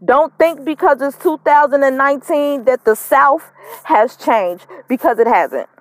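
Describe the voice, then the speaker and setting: Her voice is high-pitched and a little slow. A thirty-something woman who isn't from Mississippi and once lived up north vlogs casually to camera about fighting for custody, smoking, frustrated and near tears, stressing her points again and again.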